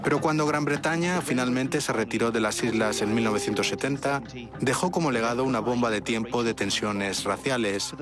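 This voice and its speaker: A man's voice: mid-range voice, a little fast. Man narrating a history documentary. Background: music.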